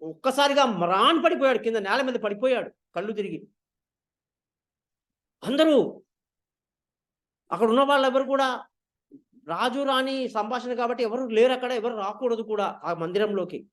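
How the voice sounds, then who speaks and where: A man retelling an epic story in an animated way, acting out the dialogue. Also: very high-pitched, moderate pace, long pauses.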